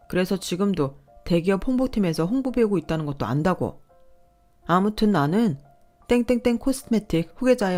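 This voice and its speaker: Entitled grasping husband in a storybook tale, bossy and whiny, low-pitched, read by a woman. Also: a little mellow, natural voice. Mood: smug. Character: greedy boastful husband, adult man.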